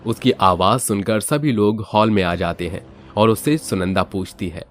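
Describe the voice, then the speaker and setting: Low-voiced male story narrator. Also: moderate pace, slight background noise.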